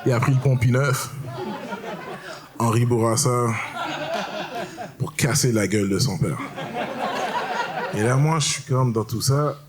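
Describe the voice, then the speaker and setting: This young comedian, performing stand-up on a comedy stage, speaks in a mid-range voice that's a little slow and broken by long pauses. He spins casual, slang-filled stories and walks the crowd through his explanations.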